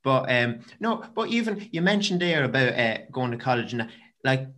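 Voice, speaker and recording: A man's voice: mid-range voice, sing-song, normal speed, fairly bright tone. Man interviewing in a chatty way. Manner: informal, loosely phrased questions. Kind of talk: casual chat.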